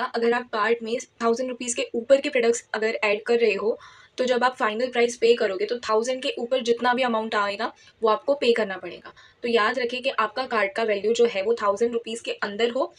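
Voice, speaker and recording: A woman hosting her channel, talking casually through an app tutorial and giving advice in a voice-over. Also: fairly high pitch. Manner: chatty, advice-giving, mixes English into Hindi. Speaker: YouTube channel host. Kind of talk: casual screen-recording tutorial.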